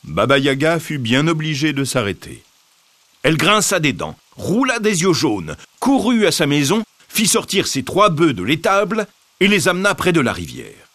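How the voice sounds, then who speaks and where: Expressive male storyteller. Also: on the high side, normal speed, no echo. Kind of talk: fairy tale reading.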